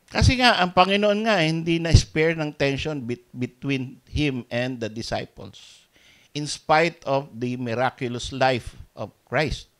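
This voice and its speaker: Slow, dynamic Filipino pastor preaching. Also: male voice, mid-range voice. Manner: switches between Tagalog and English, swinging from soft asides to loud emphatic peaks. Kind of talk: sermon.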